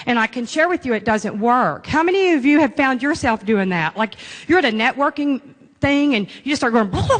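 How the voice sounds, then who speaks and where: A woman with a fairly high voice leads a sales training session, chatty and animated, often laughing with the crowd. Her voice rings out with a long reverb from a large conference room. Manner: lively, chatty, laughs often, plays to the audience. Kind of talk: live conference talk.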